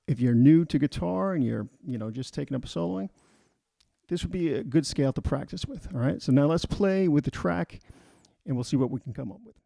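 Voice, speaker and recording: A middle-aged man explains a music lesson in a relaxed, easygoing way, pausing often to ask "all right?". His voice is slightly high and gravelly with a mellow tone, recorded dry and close. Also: dry recording. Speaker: music teacher.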